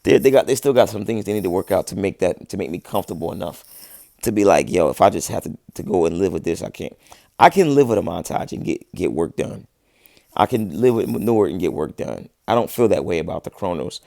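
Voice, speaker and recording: With a low, creaky, mellow voice and lively intonation, a musician in his thirties talks briskly on his livestream, recorded dry at studio quality. Answering viewers in easygoing slang, he notes that his voice is going, and his speech is full of restarts.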